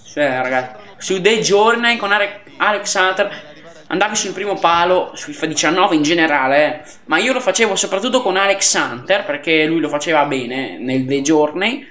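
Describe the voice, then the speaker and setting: A man giving excitable, chatty commentary over his football video game, talking straight to his viewers. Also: a little high, roomy sound. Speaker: gaming youtuber. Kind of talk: casual gameplay commentary.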